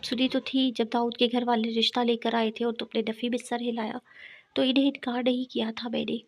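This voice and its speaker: A firm elderly grandmother, voiced by a woman reader, matter-of-fact and decisive. The tone is narrow in range and gravelly, pitched somewhat high. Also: level tone.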